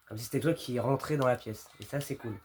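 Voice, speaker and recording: A man's voice: mid-range voice, fast, noisy background. A man giving casual commentary on a horror game, reacting in a jittery, exasperated gamer way with mild swearing. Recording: music playing behind the voice. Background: game music.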